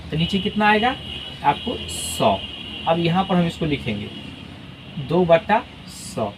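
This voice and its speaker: A man with a high voice teaches a math class patiently, one step at a time. He reads numbers out slowly, digit by digit, and keeps checking that his students follow. Faint traffic hums in the background. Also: low-quality recording. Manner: patient, step-by-step explaining, often checks with "ठीक है ना".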